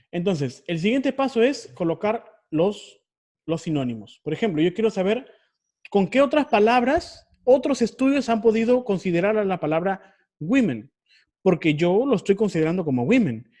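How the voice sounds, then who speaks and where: A man's voice: high-pitched, very animated, normal speed, pauses often, mellow. Man teaching an online class. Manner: explanatory, repeats and self-corrects. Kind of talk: online research methods class.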